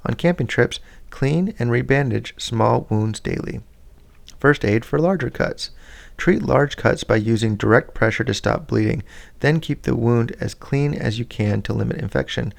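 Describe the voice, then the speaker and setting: Reading from a scout handbook, a man goes through a first-aid manual aloud in a plain, steady, unhurried way, occasionally stumbling and restarting a word. His middle-pitched voice has a strong gravelly fry throughout, and he pauses briefly to comment on the text.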